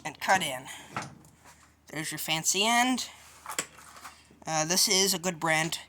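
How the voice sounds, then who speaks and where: Her voice is low and animated, her pace slow, and there's background noise behind her. She's a DIY tutorial host giving a relaxed, slightly uncertain explanation of each hands-on step.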